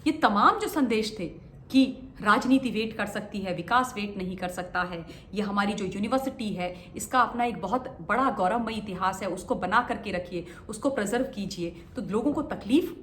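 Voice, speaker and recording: A woman's voice: medium pitch, expressive, normal speed, fairly bright tone, echoey room, a little hiss or hum. A woman giving impassioned political commentary, emphatic and repeating phrases for stress, often asking rhetorical questions.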